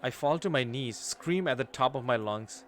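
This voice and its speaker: A young man streaming a game, reading the story aloud and reacting with casual swearing and loud outbursts. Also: mid-range voice, expressive, moderate pace. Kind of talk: let's play commentary and reading aloud. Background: game music.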